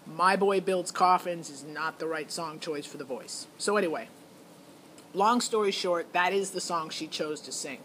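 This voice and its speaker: Here a middle-aged parent describes her child's audition casually and candidly, not holding back her opinions. Her fairly low, slightly bright voice moves at normal speed over noticeable background noise.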